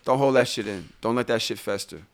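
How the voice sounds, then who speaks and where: A man's voice: lowish voice, brisk. A man co-hosting a podcast, giving profane, heartfelt advice in a casual chat. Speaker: podcast co-host.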